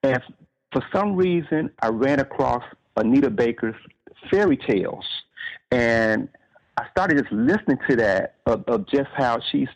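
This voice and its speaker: In a slightly dull, lo-fi recording that sounds like old radio, a man with a mid-range voice talks casually about writing as an author being interviewed. He's animated but keeps a measured pace, reflectively walking through his ideas step by step and restating his phrases.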